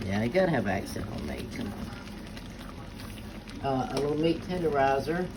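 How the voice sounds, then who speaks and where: A woman's voice: extremely low pitch, very animated, moderate pace. Mama type, middle-aged, chatty home cook, lots of uhs, noisy kitchen behind her. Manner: chatty, homey, many "uh" fillers. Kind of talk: casual cooking demonstration.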